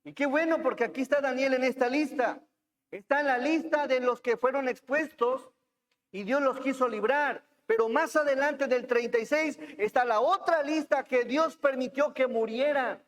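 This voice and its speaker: Pastor, high voice, preaching slow, lots of church reverb. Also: male voice. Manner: asks the congregation questions, reads scripture aloud. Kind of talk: sermon. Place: church hall. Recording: long hall reverb in church.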